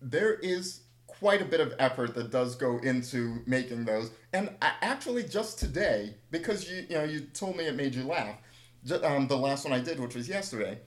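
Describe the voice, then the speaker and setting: In an echoey room, a man with a mid-range, expressive voice chats casually at normal speed. He tells rambling, humorous stories with a self-deprecating touch.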